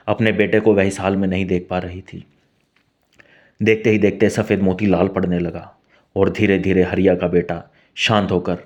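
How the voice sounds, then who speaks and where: Brief: low male narrator, steady scripted storytelling. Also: muffled recording.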